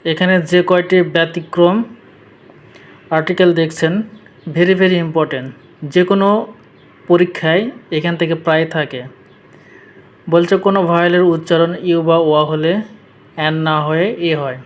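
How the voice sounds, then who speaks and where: A man explaining English grammar in a slow, deliberate lesson, stressing key points by repeating them. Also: fairly high pitch, flat delivery.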